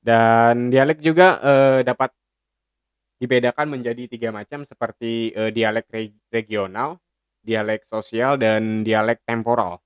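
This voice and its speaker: A man's voice: medium pitch, unhurried, clean tone, no room sound. Young man, from Banjarmasin, casual explainer, hesitant fillers, slightly muffled lo-fi sound. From Banjarmasin, South Kalimantan. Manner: relaxed, chatty, frequent hesitation fillers and slang asides. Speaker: presenter explaining a language topic. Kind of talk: casual explainer talk to viewers. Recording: slightly dull, dry lo-fi recording.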